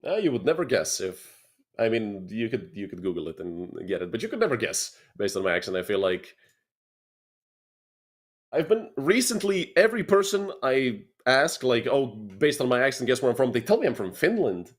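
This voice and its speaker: The young Serbian caster has a mid-range, sing-song voice and keeps a moderate pace. He provides solo play-by-play for an esports match and talks with viewers between the action.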